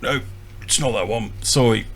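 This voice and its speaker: A man gives an informal, hands-on equipment demonstration indoors at a small bench, explaining step by step with a hesitant delivery. His mid-range voice is gravelly and husky with a fairly bright tone, at normal speed. Electrical hum and noise are audible in the recording.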